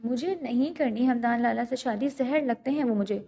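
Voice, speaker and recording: Woman narrator doing a timid young bride-to-be, high, soft and pleading. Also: vocal fry. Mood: upset. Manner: pleading, tearful. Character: frightened stubborn young woman.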